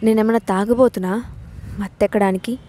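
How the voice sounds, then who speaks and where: A woman voicing a quick-tempered, childlike young bride in a storybook reading. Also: medium pitch, fairly even intonation, dark tone, close to an everyday voice. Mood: fiery, petulant.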